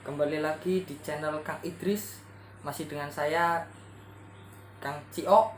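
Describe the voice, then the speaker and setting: A man from Central Java giving casual vocal tips as a singer, rambling and searching for words, often clearing his throat. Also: a little high, steady tone, a little slow. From Kebumen, Central Java, Indonesia. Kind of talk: casual spoken tutorial. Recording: roomy echo, faint background noise.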